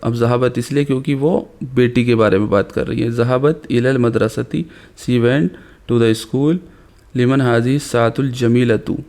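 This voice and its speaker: A man teaching an Arabic grammar lesson, reading examples slowly and explaining them quickly. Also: mid-range voice, a little mellow. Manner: slow deliberate reading of examples, rapid explanations between. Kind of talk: recorded language lesson.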